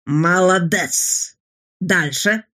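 A woman's voice: on the low side, drawn-out words, fairly bright tone. A woman voicing a fearless, jovial adult mountaineer who speaks in broken phrases. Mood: gleeful. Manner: broken speech, bold and jovial. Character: boisterous adult male mountaineer, barber, fearless.

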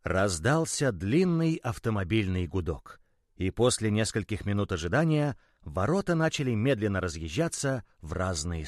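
A man narrating a children's story in a gentle, expressive way. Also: lowish voice, no room sound, studio quality.

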